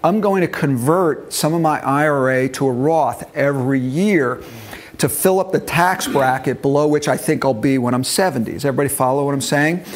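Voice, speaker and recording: In a mid-range voice at normal speed, a man in his early sixties who teaches financial planning talks informally about retirement money. He's on a lapel mic in a meeting room, explaining one step at a time to a seated group and confirming they're with him.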